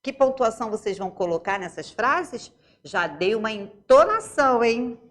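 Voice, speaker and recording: A woman's voice: fairly high pitch, very animated, normal speed. A woman teacher with a Brazilian Portuguese accent talks young pupils through an exercise. Her intonation swings widely and expressively. She explains patiently, step by step, and keeps asking checking questions. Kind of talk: remote classroom lesson.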